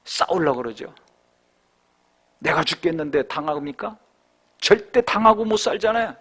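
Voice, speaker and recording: A male pastor preaching a sermon with rhetorical questions, swinging between raised exhortation and hushed reflection. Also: a little high, lively intonation, normal speed, husky.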